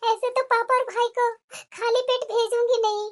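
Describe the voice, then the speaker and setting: Cartoon young bride, ill and wronged, very high voice, weary complaints, voiced by a woman. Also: level tone, normal speed. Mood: aggrieved. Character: sick, put-upon young daughter-in-law. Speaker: daughter-in-law. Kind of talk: cartoon voice acting.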